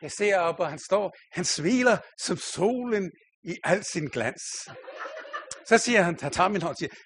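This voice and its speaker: Older male preacher, a bit high-pitched, anecdotal sermon, self-deprecating and chuckling. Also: expressive, fairly bright tone, a little hiss or hum. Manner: storytelling, self-mocking, laughing often. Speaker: pastor.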